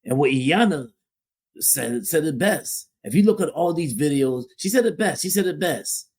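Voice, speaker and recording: With a fairly high, expressive voice and a darkish tone, this man speaks at a normal speed over slight background noise. He co-hosts a podcast and offers casual opinions on relationships, repeating phrases to stress his points. His family comes from Guyana.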